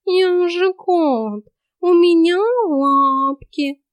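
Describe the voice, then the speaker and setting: A woman's voice: very high voice, very slow, dry recording, pitched above the performer's own voice, full character voice. A woman voicing a lazy, talkative male house cat who grumbles in a sleepy, whiny way. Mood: alarmed indignant.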